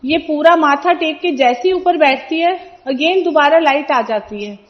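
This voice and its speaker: A high-pitched woman, telling her family's story at a religious gathering. She speaks earnestly and gives the people she quotes voices of their own. The recording sounds dull and lo-fi. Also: measured pace. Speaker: devotee giving a testimony. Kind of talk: personal testimony at a religious gathering.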